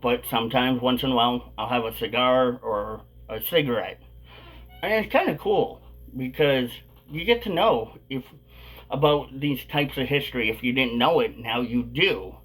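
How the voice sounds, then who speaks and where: A man's voice: medium pitch, moderate pace, a bit bright, low-quality recording. A man hosting a casual vlog, talking with a dip of chewing tobacco tucked in his lip. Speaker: video host.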